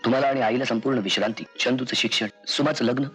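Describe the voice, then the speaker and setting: A man's voice: medium pitch, steady tone, fast, fairly bright tone, faint music behind, natural voice. A young actor playing an earnest, dutiful graduate son reassuring his family in an old film. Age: young adult.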